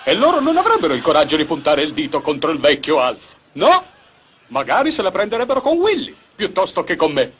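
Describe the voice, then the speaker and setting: A man's voice: on the high side, huge pitch swings, fast talker, fairly bright tone, breathy edge, heavily acted. A man voicing a wisecracking male alien who talks in a hammy put-on Italian accent, laughing through his lines. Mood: hammy, gleeful.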